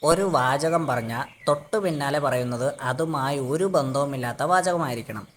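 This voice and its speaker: A man's voice: medium pitch, moderate pace, slight background noise, lightly acted. A man voicing a clever male cartoon animal trickster who talks in an instructive, self-assured manner. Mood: knowing, instructive. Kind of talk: cartoon voice acting.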